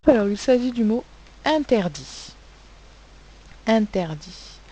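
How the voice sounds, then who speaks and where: Slow, patient woman teaching phonics. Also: medium pitch, lively intonation, warm tone, rough recording. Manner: slow, clear, spelling sounds letter by letter. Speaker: primary school teacher. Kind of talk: recorded phonics lesson.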